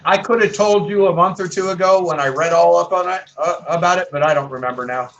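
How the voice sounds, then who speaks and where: An easygoing man, a guest from a fish rescue, chatting casually and laughing often. His voice sits slightly high. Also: quick pace, fairly bright tone, lo-fi sound. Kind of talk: casual live chat.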